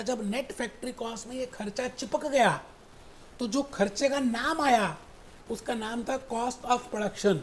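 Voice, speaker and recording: Animated male accounting teacher. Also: very high-pitched, a little hiss or hum. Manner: animated storytelling, repeats points, calls students "beta". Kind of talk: recorded classroom lecture.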